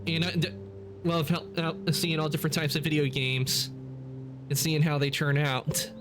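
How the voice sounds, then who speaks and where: A man streaming a game and chatting casually in a rambling, halting way. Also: a little high, level tone. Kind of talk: casual chat while playing. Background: game music and dialogue.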